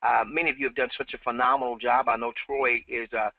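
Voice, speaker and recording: A man's voice: medium pitch, level tone, fast talker, vocal fry, no room sound. A man hosting a live team webinar, upbeat and repeating himself, with many fillers, on a headset. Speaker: webinar host. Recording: dry, tinny phone-like line.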